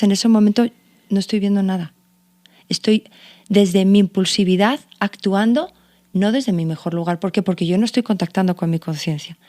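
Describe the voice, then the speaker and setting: An adult woman, a mother appearing as a guest logotherapist, explains her ideas earnestly in a reflective conversation. She draws on her own life for examples and asks herself questions, speaking in a warm, mid-range voice.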